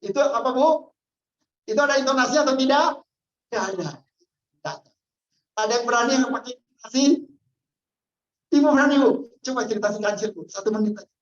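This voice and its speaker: A woman's voice: fairly high pitch, brisk, long pauses. Woman trainer for a workshop lecture who keeps quizzing her audience. Echoey hall, muffled recording. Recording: echoey, dull lo-fi room sound.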